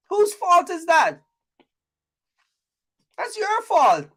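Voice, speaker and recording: A YouTube host who runs a trucking business channel speaks to his viewers in a distinctly high, fairly bright male voice. His vlog style is casual, colloquial and opinionated, and he repeats himself to hammer each point home.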